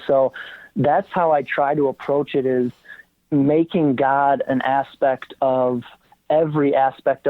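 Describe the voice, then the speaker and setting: Over a tinny, dry phone-like line with no echo, a male college basketball coach talks earnestly as an interview guest. His voice is medium-pitched, and his casual speech has many ums and restarts.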